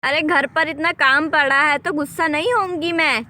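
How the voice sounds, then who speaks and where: A woman voicing a scolding, nagging old mother-in-law in a doll village story, speaking sharply and loudly. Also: high-pitched, steady tone, normal speed, slight background noise. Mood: grumbling.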